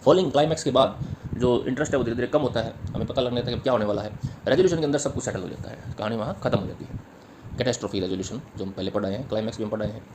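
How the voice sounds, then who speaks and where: A male literature teacher races through an exam-prep lecture at a rapid clip. He repeats the key points and sounds out rhythms aloud. His pitch sits right in the middle for a man. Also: background noise. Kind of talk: exam-prep lecture mixing Hindi and English.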